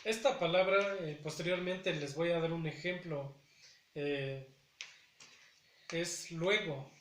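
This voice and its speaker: A man's voice: fairly high pitch, fairly even intonation, slow pace, fairly bright tone, echoey room, slight background noise. A man teaching a language lesson, carefully repeating each word with hesitant fillers between phrases. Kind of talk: slow spoken language lesson.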